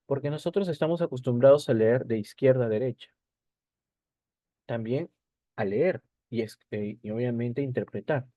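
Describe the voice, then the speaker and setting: A man's voice: medium pitch, normal speed, warm tone, dry recording, dull audio. A male teacher explaining a lesson over slides, repeating key points and checking in with short tag questions.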